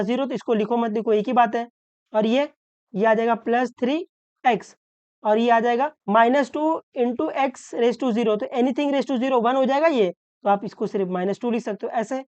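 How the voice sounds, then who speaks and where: A woman maths tutor from Maharashtra explains a problem step by step, often checking that the students follow and slowing down to stress each rule. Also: on the high side, a little mellow, dry recording, highs cut off. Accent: Hindi-English mix, Maharashtra. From Maharashtra, India. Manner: checks understanding with repeated questions; slows down to stress key rules.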